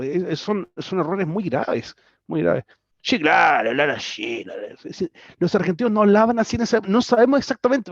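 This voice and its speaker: A man's voice: sits high, a little mellow, no room sound. A man with a Chilean accent teaching a history class online, talking conversationally with frequent tag questions and restarts. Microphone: computer mic on a video call. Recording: dry, slightly dull video call audio.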